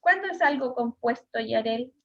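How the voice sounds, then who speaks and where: Chilean woman teacher, high voice, halting with fillers, dull video-call sound. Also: lively intonation, a bit bright. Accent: Chilean Spanish. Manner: hesitant, many fillers, asks pupils questions. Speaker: schoolteacher. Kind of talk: online class lesson.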